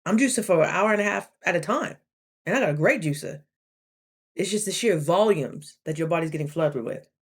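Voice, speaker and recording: A woman in her thirties with a slightly low voice, chatting to her camera in a loose, animated storytelling style. She keeps playing out both sides of a conversation as she goes. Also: fairly quick. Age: 30s. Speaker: vlogger.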